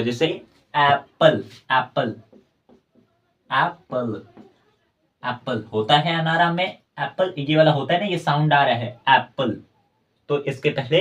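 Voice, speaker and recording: Male English tutor, patient repetitive classroom delivery. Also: mid-range voice. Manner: explains by repeating words, addresses viewers as friends. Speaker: English teacher. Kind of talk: classroom-style grammar lesson.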